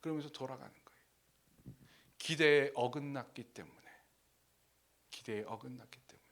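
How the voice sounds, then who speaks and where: A man preaching a sermon as pastor. He drops to hushed whispers, then rises to loud, emphatic lines, and acts out the people he quotes. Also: mid-range voice, moderate pace. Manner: acts out quoted speakers in his own voice. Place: church.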